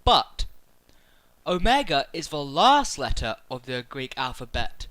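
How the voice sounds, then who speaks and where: A man talking excitedly to camera about a video game, rambling through his theories with many fillers and restarts. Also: on the high side, a little slow, dry recording, poor audio. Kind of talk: casual speculative chat to camera.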